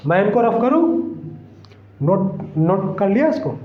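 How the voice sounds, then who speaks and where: A high-voiced male teacher talks slowly through an exam-prep lesson, stopping often to check that students follow. He repeats key terms and sounds out syllables one at a time. The room is echoey and the sound dull. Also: very animated, faint music behind.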